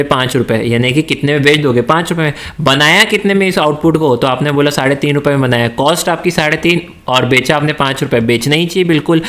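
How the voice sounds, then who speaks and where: A man with a fairly high, slightly bright voice teaches a classroom lecture. He asks his students questions and answers them himself, slipping into a Hindi-English mix with English terms woven into his speech.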